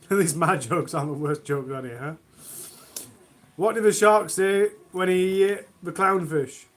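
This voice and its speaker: Male streamer, high voice, reads bad jokes live from home and groans at them. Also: measured pace. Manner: self-mocking, groans at own jokes. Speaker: livestream host. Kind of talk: reading jokes on a charity livestream.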